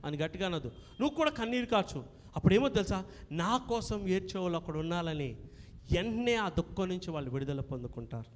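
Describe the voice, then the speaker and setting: A male pastor preaching an impassioned sermon that swells to loud peaks. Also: sits high, sing-song, quick pace, a little hiss or hum. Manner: impassioned, rising to loud peaks, calls for amens. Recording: long reverb of a hall.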